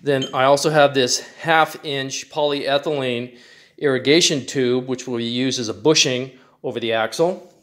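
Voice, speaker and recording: A man hosting a DIY channel, calmly walking through a step-by-step build tutorial with measurements, in a plain, methodical way. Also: medium pitch, moderate pace.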